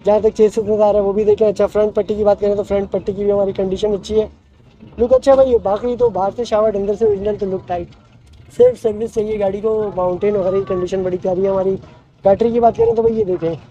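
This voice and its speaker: A man with a Karachi Urdu accent walking around a used car outdoors, giving a fast, upbeat salesman-style rundown of it. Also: high voice, warm tone, highs cut off. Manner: fast, upbeat salesman patter, repeats "bhai". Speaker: vlogger showing used cars. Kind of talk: casual walk-around car review. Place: outdoor car market lot.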